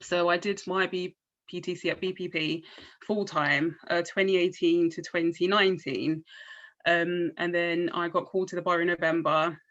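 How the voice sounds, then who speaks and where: A woman's voice: on the low side, flat delivery, moderate pace, dull audio. A young woman, a pupil barrister speaking as a guest on an online panel, chatty with frequent ums and a self-deprecating tone. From South East London. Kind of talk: casual talk on an online panel.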